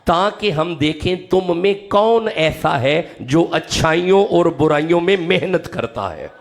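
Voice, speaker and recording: Emphatic preacher, higher voice. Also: male voice, animated, vocal fry. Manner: emphatic, repeats key words, rises when urging the crowd. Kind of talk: sermon. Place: gathering before a live audience.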